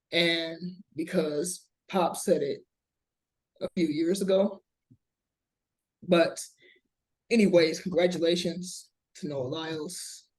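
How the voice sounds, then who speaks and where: A man co-hosting a casual sports podcast, hesitant and measured with many fillers. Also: a little high, darkish tone. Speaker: podcast co-host.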